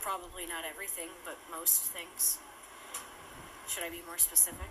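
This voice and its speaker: A woman teacher giving measured, thoughtful answers in an interview, captured on a low-quality phone recording. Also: flat delivery, very noisy.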